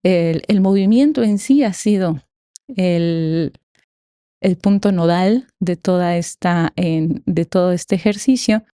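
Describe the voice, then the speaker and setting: A woman's voice: on the low side, slow pace, mellow, dry recording, studio quality. A woman with a Mexican Spanish accent explaining ideas conversationally as an academic podcast guest, emphatic and given to rhetorical questions.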